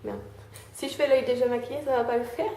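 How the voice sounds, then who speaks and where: Young woman vlogger, chatty and mellow, echoey home room, walks through a makeup tutorial. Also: on the high side, fairly even intonation, quick pace. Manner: chatty, fills with "euh" and "hein", talks while applying makeup. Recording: echoey room, faint background noise.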